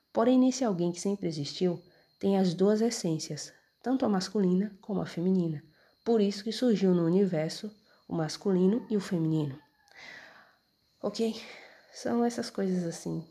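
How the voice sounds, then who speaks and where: Woman scripture teacher, lowish husky voice, mellow tone, chatty explainer who keeps checking in. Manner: conversational, checks in often with "tá?" and "entendeu?"; points at text while reading. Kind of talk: casual explanatory talk.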